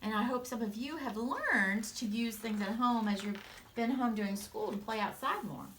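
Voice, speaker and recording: A woman's voice: fairly high pitch, moderate pace, fairly bright tone, reverberant, a little hiss or hum, poor audio. A woman teacher reading a picture book aloud and stopping to explain words to children.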